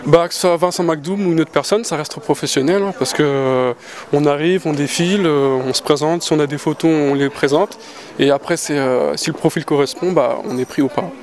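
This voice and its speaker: A man's voice: fairly high pitch, fairly quick. A man who is a model candidate answering interview questions with hesitations and fillers. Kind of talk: casual interview.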